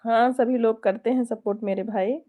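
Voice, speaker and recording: A folk singer from India's Awadh region chats casually on a live stream, her Hindi carrying an Awadhi tinge. Her voice sits on the high side, steady and warm at a moderate pace. She reads viewer comments aloud, chuckles often, and exchanges devotional greetings.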